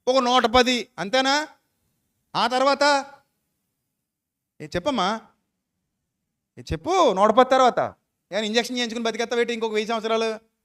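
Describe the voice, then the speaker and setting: A man's voice: very high-pitched, normal speed, pauses often, a bit bright, smooth. A man preaching a folksy sermon. He asks his listeners one question after another and closes with a prayer. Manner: folksy, questioning the listeners directly, acting out quoted people.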